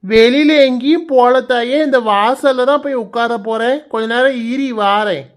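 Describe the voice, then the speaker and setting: A woman voicing an easygoing middle-aged village husband in a cartoon, slow and placating, with a Kanyakumari Tamil accent. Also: on the high side, close to an everyday voice. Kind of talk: cartoon voice acting.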